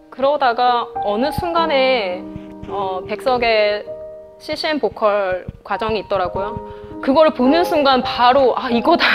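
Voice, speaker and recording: A woman in her thirties, a classical and gospel singer, answering interview questions in an earnest, candid way and laughing often. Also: a little high. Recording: music bed under the voice. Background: soft instrumental music.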